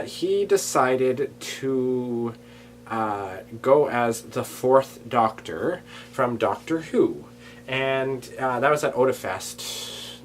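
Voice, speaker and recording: A man talking casually to camera in a daily vlog, animated and rambling, jumping between loud bursts and quiet asides. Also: medium pitch, slight background noise. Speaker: vlogger.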